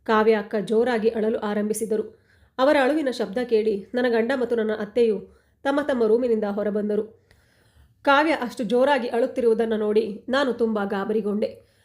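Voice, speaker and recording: Brief: woman storyteller, earnest, emotional first-person narration, slightly high pitch. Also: fairly even intonation, normal speed, darkish tone.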